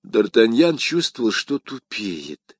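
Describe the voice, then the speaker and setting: Male audiobook reader, expressive, measured storytelling. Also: medium pitch, no room sound. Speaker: audiobook narrator. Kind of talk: audiobook reading of a classic novel.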